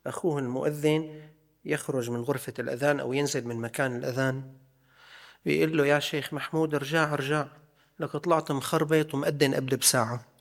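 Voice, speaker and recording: A man giving a religious lesson, emphatic and full of repeated rhetorical questions. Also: on the high side. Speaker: religious teacher.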